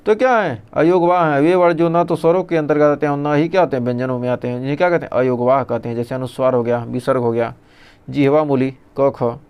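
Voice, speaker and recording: A man's voice: mid-range voice, fairly even intonation, fast talker, darkish tone, clear, resonant tone. A male teacher giving an exam revision lesson, reading out lists and asking and answering his own questions.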